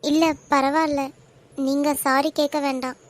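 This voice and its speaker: A woman voicing young women in an animated love drama, speaking with a Kanyakumari Tamil accent in an emotional way. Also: high-pitched, unhurried. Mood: tearful. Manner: emotional, tearful at times. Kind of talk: animated web series voice acting.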